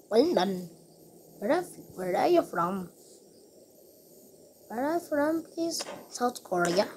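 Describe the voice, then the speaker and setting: Slow-talking woman in rambling game chat. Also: medium pitch, noisy background. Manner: rambling, repetitive, halting restarts.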